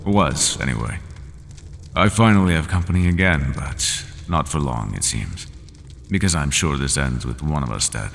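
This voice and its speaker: Lonely, bitter Minotaur, voiced by a man: very low, gravelly, lively pitch, slow solemn delivery, faint ambient noise. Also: in a large hall, full character voice. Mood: brooding, bitter. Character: lonely brooding Minotaur, a bull-headed male prisoner. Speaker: ASMR roleplay performer. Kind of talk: ASMR roleplay monologue.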